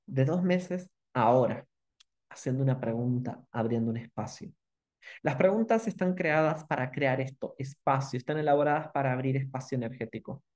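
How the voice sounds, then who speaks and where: A man with a Rioplatense Spanish accent teaching an online masterclass, animated and repeating questions with emphasis. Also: medium pitch, normal speed.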